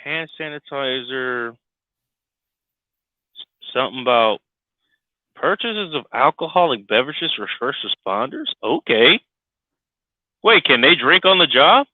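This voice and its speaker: A man's voice: medium pitch, expressive, a little slow, pauses often, no echo. Man ranting over a tinny CB-radio-like headset. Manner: sarcastic, swears constantly, gets loud and fired up. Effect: sounds like a tinny CB radio over his headset. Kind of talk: casual profane rant. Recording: tinny dry lo-fi headset line.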